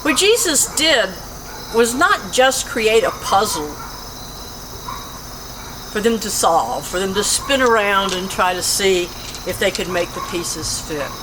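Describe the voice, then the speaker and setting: Woman, church host, storytelling, lively pitch, insect noise behind. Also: slow. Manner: storytelling, expressive. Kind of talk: retelling a Bible story, then interviewing.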